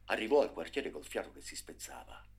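A deep, very husky and breathy male voice narrating a story. He reads with lively swings of pitch, rising for the tense moments and dropping to near whispers in the quiet ones. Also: brisk. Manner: expressive, dramatic reading with hushed passages.

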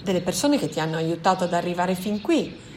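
A woman's voice: fairly low pitch, animated, a little fast, a little mellow, slight background noise, lightly acted. Woman reading as an anxious, insistent man. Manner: pleading, insistent questions. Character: pleading, insistent young man, anxious and stubborn.

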